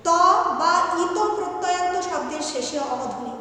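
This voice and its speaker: A high-pitched woman teaches a grammar lesson at a patient pace, repeating rules and checking with rhetorical questions. Her voice comes from some distance away in a hall with long reverb, and a faint noise sits underneath. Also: normal speed, fairly bright tone. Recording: echoey hall, far from the mic, faint noise.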